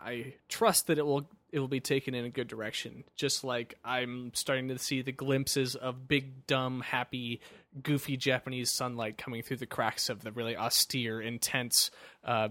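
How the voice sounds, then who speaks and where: A man co-hosting a casual gaming podcast, jokey and quick to slip into silly quoted voices. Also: medium pitch, level tone, bright, forceful tone, no echo. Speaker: podcast co-host.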